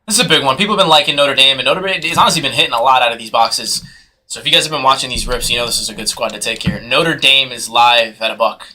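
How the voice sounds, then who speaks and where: A man hosts a live card break and calls out bids in hyped, rapid auction patter. His voice is very bright and sharp. He sits close to the mic. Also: medium pitch. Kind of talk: live sales commentary.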